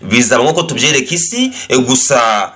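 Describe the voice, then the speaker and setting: A man interpreting an interview for a channel, briskly restating each answer. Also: medium pitch, very animated, bright, forceful tone, slight background noise.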